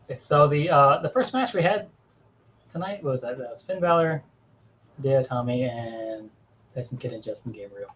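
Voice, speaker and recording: A man with a lively, animated voice steers a casual podcast chat, asking curious questions. His sentences often trail away unfinished. His pitch is in a middle range. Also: moderate pace, slight background noise. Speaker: podcast host leading the discussion.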